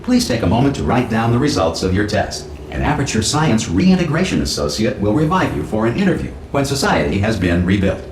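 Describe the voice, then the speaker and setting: Recorded facility announcer, lowish lively voice, formal, unflappable, cheerfully callous, video game. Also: male voice, a little fast, few pauses, noisy background. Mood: calmly official. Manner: formal, unflappable, deadpan instructional delivery. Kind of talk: scripted public-address announcement in a video game. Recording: echoey announcer sound, game music behind.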